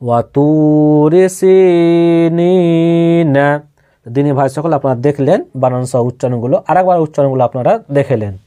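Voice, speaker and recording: A man teaching Quran reading who spells out syllables and then recites each word slowly, repeating it. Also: medium pitch, dark tone.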